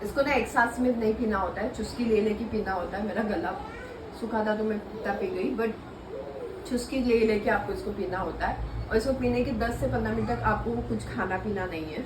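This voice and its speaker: A woman's voice: mid-range voice, a little fast. A young woman talking casually to her viewers in a chatty home vlog. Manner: chatty, addresses viewers directly. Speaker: vlogger. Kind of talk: casual vlog talk to camera. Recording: echoey room, voice a bit far from the mic, faint background hum.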